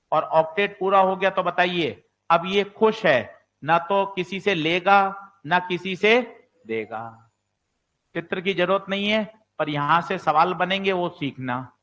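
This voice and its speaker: Speaking slowly in a high, fairly bright voice, a male physics teacher preparing students for exams asks questions and supplies his own answers. Occasionally he steps into the role of a student to raise a doubt.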